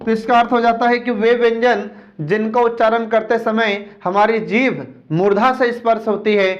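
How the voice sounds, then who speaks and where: A man with a high voice teaches an exam-prep lecture, steadily asking questions and answering them himself. He repeats key terms slowly so students can memorize them. The recording sounds dull and lo-fi. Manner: drills points by asking and answering his own questions.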